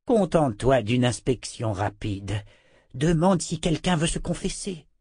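A man's voice: mid-range voice, big pitch swings, a little slow, a little mellow, slightly rough, no room sound, heavily acted. A man voicing a wry old wizard adviser, over 60, in an audiobook, with a dry mumbling manner.

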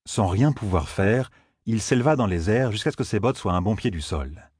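A man narrating an audiobook in a measured storytelling manner. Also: lowish voice, expressive, a little mellow, breathy edge, dry recording, clean studio sound. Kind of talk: scripted narration.

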